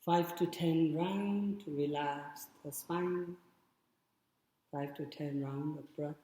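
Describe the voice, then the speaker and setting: A man guiding a yoga class with calm, short spoken cues and pauses between them. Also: on the high side. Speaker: yoga instructor. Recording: very echoey room with long reverb.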